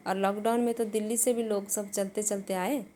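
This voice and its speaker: A woman telling a personal testimony in an earnest, halting way, with many restarts. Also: mid-range voice, level tone, mellow, a little hiss or hum.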